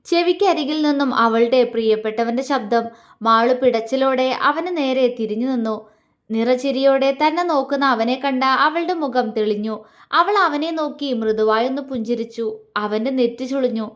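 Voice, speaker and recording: A woman narrating a serialized romance novel in a steady, measured reading voice. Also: sits high. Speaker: storyteller.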